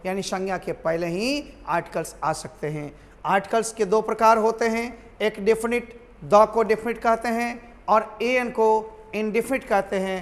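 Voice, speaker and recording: A man's voice: sits high, big-room sound. A man teaching a grammar lesson to students, repeating key points and calling them his children.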